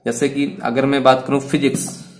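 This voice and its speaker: A man's voice: medium pitch, flat delivery, moderate pace. A man teaching grammar to students in Hindi mixed with English words, asking and answering his own questions as he goes. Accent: Indian English words in Hindi speech.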